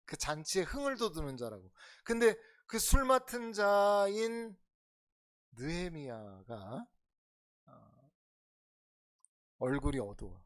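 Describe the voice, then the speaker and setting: 교회에서 강해설교를 하는 남자 목사로, 청중에게 질문을 던지며 대화하듯 설교하고, 크게 강조하다가 낮게 속삭이듯 말하기를 오간다. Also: male voice, very animated, takes it slowly, pauses often. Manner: conversational preaching with rhetorical questions to the congregation; swings between loud emphatic lines and soft low asides. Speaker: pastor. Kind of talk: expository sermon.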